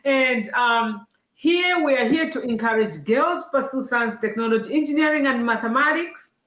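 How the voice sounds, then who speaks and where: A woman's voice: a little high, normal speed, a bit bright, reverberant. A woman hosting an online interview, upbeat and chatty, often calling out to her viewers. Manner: enthusiastic, repeatedly addresses viewers as guys. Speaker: host.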